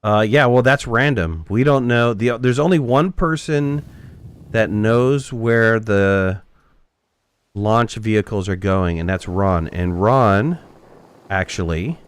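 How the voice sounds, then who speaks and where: A man's voice: on the low side, takes it slowly, clear, resonant tone. A man chatting casually with his viewers while he streams a game, joking around and answering chat.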